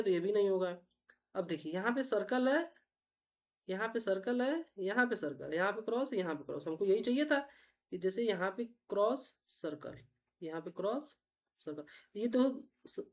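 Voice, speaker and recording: A woman teacher, patiently explaining reasoning puzzles step by step and often asking if it is clear. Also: medium pitch. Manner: patient, repetitive, checks understanding often.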